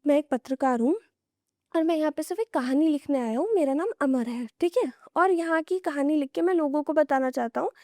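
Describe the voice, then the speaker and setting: A woman's voice: sits high, a little fast, dark tone, no echo, studio quality. A woman quoting an ambitious young male journalist who pleads and coaxes to get his story, in her own storytelling voice. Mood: coaxing. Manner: eager, coaxing.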